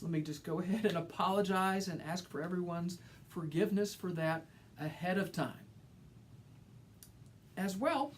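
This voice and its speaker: With a high-pitched yet darkish voice, a middle-aged Southern man from Alabama welcomes students to his college course in a lecture-style talk. He is earnest and enthusiastic, repeating phrases frequently for emphasis, over slight background noise.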